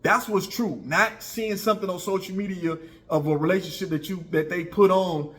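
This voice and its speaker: This man, an American in his early forties, comments online with a high, slightly bright voice at a normal speed. Chatting casually about his opinions, he repeats points for emphasis and keeps checking in with listeners.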